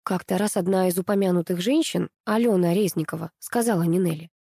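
A woman narrating a dramatic story in a steady, even way. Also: on the low side, fairly quick, dry recording, studio quality.

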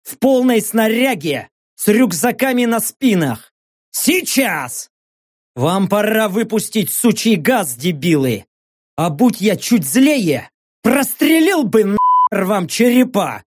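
Guy doing a tough cussing commander barking orders, slow and punchy, dry sound. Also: very high-pitched, big pitch swings, dry recording, pitched above the performer's own voice, full character voice. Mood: angry. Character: foul-mouthed tough male commander.

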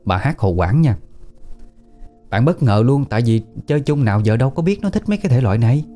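A man's voice: medium pitch, expressive, quick pace, warm tone, faint music behind. A man with a Southern Vietnamese accent narrating a family ghost story in a plain, conversational way. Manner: plain conversational retelling with southern colloquial words.

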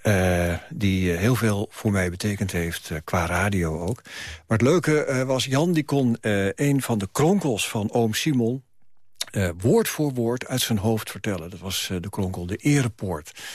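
Relaxed radio host, low voice. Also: male voice, dry recording, clean studio sound. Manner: relaxed, hesitant with fillers. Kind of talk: casual radio presenting.

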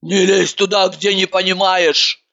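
A bossy, overbearing woman with a booming bass voice, put on by a woman reading an audiobook. She barks short, gruff orders with no patience for anyone. Her tone is bright and cutting. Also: flat delivery, measured pace, muffled recording. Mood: barking.

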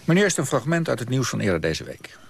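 A man's voice: mid-range voice, big pitch swings, a little fast, creaky, breathy edge. A man hosting a radio programme, presenting and introducing the topics to listeners. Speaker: radio host. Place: radio studio.

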